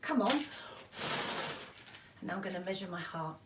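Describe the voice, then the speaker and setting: A woman's voice: medium pitch, animated, normal speed, very noisy. A woman giving an informal mindfulness lesson, chatting in an encouraging, self-deprecating way as she explains and demonstrates. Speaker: mindfulness and breathing teacher. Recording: roomy echo, distant microphone.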